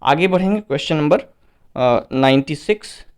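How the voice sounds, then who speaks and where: A man with an Indian English accent who tutors English literature, working through exam questions. He reads each English question slowly, explains it in Hindi and often says "okay". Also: fairly high pitch, lively intonation. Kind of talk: exam paper solution lesson.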